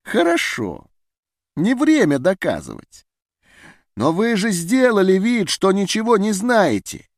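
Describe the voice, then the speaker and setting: A man's voice: high-pitched, wildly swooping pitch, unhurried, no room sound, clean studio sound, voice pushed up, heavily acted. A man voicing a fiery defiant scientist. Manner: heated, declamatory, rising to shouts. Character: agitated male geneticist defying a meeting. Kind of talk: audiobook character voice.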